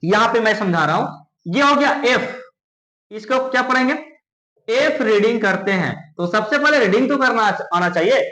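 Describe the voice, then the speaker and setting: A man's voice: high-pitched, animated, normal speed, pushed and bright, echoey room, low-quality recording. A male teacher from India, giving a pronunciation lesson in Hindi and quizzing his students with repeated questions. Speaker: English teacher.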